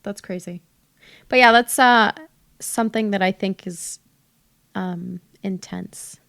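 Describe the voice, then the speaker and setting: A young woman co-hosting a podcast, an animated storyteller who swears freely in casual chat. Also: medium pitch, slow, gravelly, no echo, studio quality. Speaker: podcast co-host.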